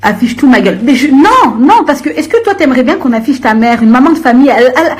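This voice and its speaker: A young woman ranting to viewers on a live stream in a confrontational, slangy way, swinging from low grumbling to shrill outbursts. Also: lively intonation, fast talker.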